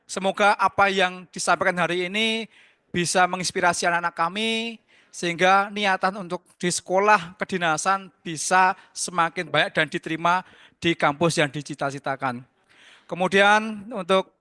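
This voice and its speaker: A man's voice: high voice, smooth, no room sound, clean studio sound. Chatty Javanese-accented male teacher host. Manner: lively and chatty, mixing in Javanese words. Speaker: teacher hosting a school Zoom session. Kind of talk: casual hosting over Zoom.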